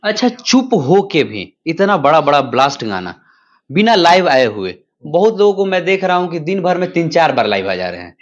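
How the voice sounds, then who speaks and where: A man's voice: on the high side, sing-song, normal speed. A male interviewer asking probing, conversational questions. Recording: dull lo-fi sound.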